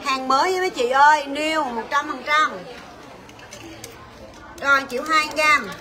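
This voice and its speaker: High, bright saleswoman. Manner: rapid, coaxing sales patter calling out prices. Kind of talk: livestream sales pitch.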